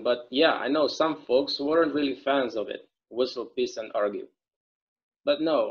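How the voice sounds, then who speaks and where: At an online table read of a stage play, a young man plays a folksy small-town bartender who chats and rambles through stories. His natural voice sits mid-range for a man, heard through a video call microphone with slightly dull, lo-fi sound.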